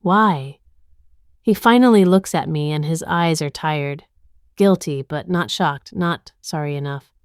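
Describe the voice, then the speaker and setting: A woman telling a dramatic first-person story in scripted narration, tense, intimate and measured. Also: low-pitched, darkish tone, clean tone, no room sound, studio quality.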